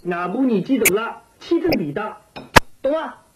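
An actress playing a coaxing family member in a TV drama, speaking with a Shanghai accent. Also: female voice, mid-range voice, expressive, normal speed, natural voice. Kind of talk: naturalistic television drama dialogue. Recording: very noisy old TV tape.

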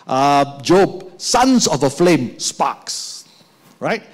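On a church stage with band instruments, an older Malaysian English-accented man draws out his words in a higher voice as he preaches into a handheld mic. He is animated, slipping into put-on voices to act out little scenes.

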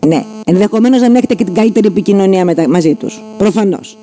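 A woman's voice: mid-range voice, mellow, a little hiss or hum. A woman hosting a radio show, questioning a mayor politely but persistently. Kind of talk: radio interview.

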